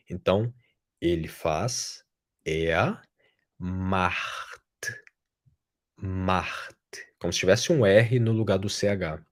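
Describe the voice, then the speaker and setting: Slow, deep-voiced man teaching German. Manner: slow, repeating each German form twice. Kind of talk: live online lesson, conjugation drills.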